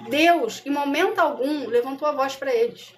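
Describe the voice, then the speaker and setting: A Brazilian woman with a high voice leads a relaxed Bible study as a missionary teacher. She talks in a chatty way and keeps checking that her listeners follow along. Soft music plays faintly behind her. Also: moderate pace. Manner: conversational, often checks understanding with the audience. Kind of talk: casual livestream Bible study.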